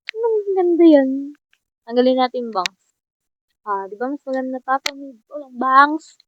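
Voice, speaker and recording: A young gaming vlogger chats and teases casually while playing, talking both to herself and her viewers and laughing often. Her high voice is animated yet measured in pace, and the dull lo-fi recording carries a little hiss or hum.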